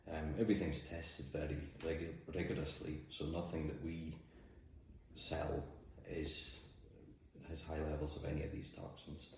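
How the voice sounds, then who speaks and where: Recorded indoors in a very echoey office with faint noise, a mussel farmer and boat skipper with a Shetland accent answers interview questions matter-of-factly. He has a very deep voice, a flat delivery, and a normal speaking speed.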